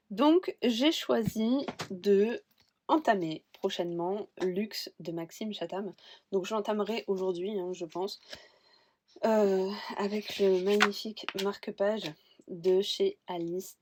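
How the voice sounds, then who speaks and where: A woman's voice: medium pitch, a little hiss or hum. A woman book vlogger in casual chat, rambling and talkative about what she is reading. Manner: rambling, chatty, admits she talks too much.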